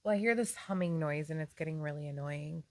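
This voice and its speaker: A woman's voice: low-pitched, fast, no room sound. A woman co-hosting a casual home podcast, chatting and teasing her husband in a rambling way. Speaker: podcast co-host. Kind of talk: casual couple banter. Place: at home on a Sunday.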